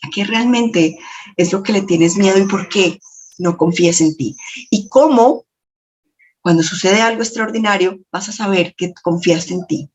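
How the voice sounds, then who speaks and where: A woman lecturer and coach with a slightly shrill voice, telling stories expressively in a motivational lesson to camera. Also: normal speed. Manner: expressive, storytelling with lots of self-talk.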